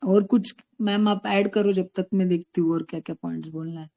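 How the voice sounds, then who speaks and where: A woman's voice: lowish voice, steady tone, brisk, creaky, mellow, highs cut off. A woman from Maharashtra, a homeopathic doctor, presenting a patient case in an online discussion, explaining her reasoning thoughtfully and correcting herself as she goes. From Maharashtra, India.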